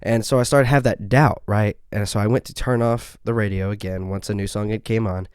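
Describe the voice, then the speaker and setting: Earnest low-voiced man sharing faith. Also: steady tone, a little fast, clear, resonant tone, dry recording, clean studio sound. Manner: earnest, conversational, frequent "right?" tags and soft laughs. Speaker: podcast host. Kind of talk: faith podcast testimony and encouragement.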